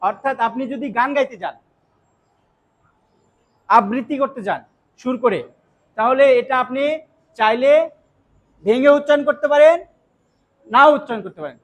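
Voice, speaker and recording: Male recitation teacher, very high voice, patient explainer who chants verses slowly as examples. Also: muffled recording. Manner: checks often if listeners follow. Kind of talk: devotional recitation lesson.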